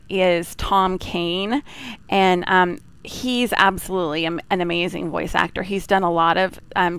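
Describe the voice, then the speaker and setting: A woman hosting a game livestream in casual, unscripted chat, talkative and self-deprecating, with a clear, smooth voice. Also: fairly low pitch, a bit bright.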